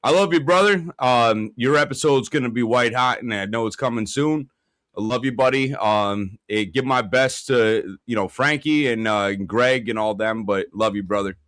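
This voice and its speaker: A man's voice: mid-range voice, normal speed, fairly bright tone, dry recording, studio quality. A man co-hosting a casual chat, laid-back and affectionate, with many fillers.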